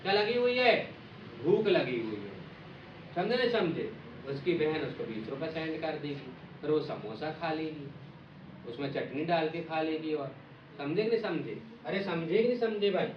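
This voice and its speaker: A man's voice: fairly high pitch, animated, normal speed. A male teacher giving an exam-prep lesson, playfully acting out little skits and asking again and again whether the students understood. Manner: repeats "samjhe nahin samjhe?" to check understanding. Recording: echoey, distant, dull audio with faint noise.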